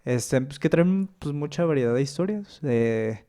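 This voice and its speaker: Un hombre con acento mexicano, invitado y autor de cuentos, que habla con titubeos y muletillas en una charla casual. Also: male voice, a little high, animated, a little slow, dark tone, smooth. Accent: Mexican Spanish. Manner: hesitant, thinks aloud with fillers like este and o sea. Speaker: guest, short-story writer. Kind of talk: casual podcast conversation.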